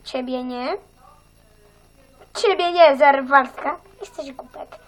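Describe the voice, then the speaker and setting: Brief: a strict, high-voiced classroom teacher, played by a woman, slow and commanding, for a homemade toy role-play. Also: poor audio. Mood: stern. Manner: stern, ordering children around. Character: bossy female schoolteacher choosing a class monitor.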